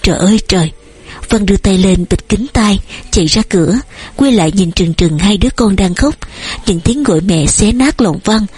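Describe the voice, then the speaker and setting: A woman narrates an audiobook with a steady, storytelling delivery. Her voice is breathy and slightly husky, with a medium pitch. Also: normal speed.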